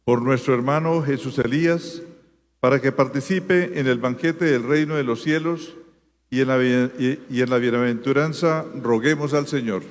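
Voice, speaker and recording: Guy reading funeral intercessions, steady church cadence, long cathedral echo. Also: medium pitch, a little hiss or hum. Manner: measured, repeating the response. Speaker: lector reading the prayers of the faithful. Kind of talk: liturgical reading. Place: large church.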